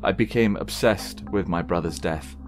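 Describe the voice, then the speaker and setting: Deep-voiced man narrating a horror story. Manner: measured, solemn storytelling. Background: faint background music.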